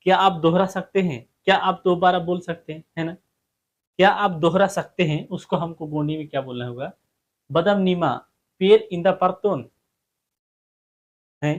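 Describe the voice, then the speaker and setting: A man giving a casual spoken language lesson, repeating short phrases slowly and often asking "है ना?". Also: high-pitched. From central India. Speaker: language teacher.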